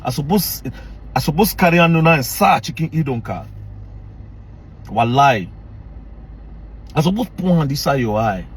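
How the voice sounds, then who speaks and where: A man's voice: medium pitch, lively intonation, normal speed, long pauses, slightly rough. A man with a Nigerian accent delivering a heated, confrontational rant to camera, mixing Pidgin into his English. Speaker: online commentator.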